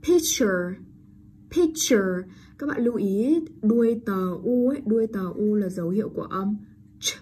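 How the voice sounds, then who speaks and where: A woman teacher giving a pronunciation lesson, drawing out and repeating each English word loudly before explaining it. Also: medium pitch, fairly quick, slightly rough.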